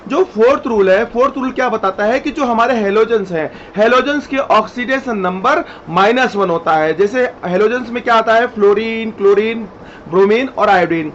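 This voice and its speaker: A man's voice: sits high, normal speed. A man teaching chemistry in a classroom-style lecture, repeating each rule step by step and addressing students directly. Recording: dull lo-fi sound, faint noise.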